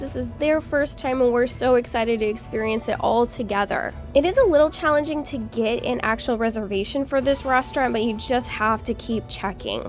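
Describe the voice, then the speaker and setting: A woman giving chatty, casual vlog narration about a family outing. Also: a little high. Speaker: family vlogger.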